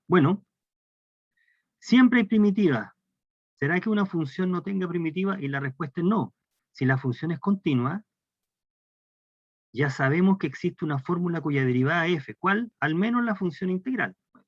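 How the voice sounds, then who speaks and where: In a dry, dull lo-fi recording with no echo, a math lecturer with a voice on the high side teaches calculus. He speaks with a Chilean Spanish accent, explaining step by step and posing questions to the class.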